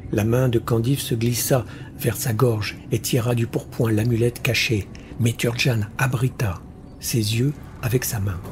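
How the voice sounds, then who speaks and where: A man narrating a fantasy story for an audiobook in a measured, deliberate way. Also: medium pitch, noisy background.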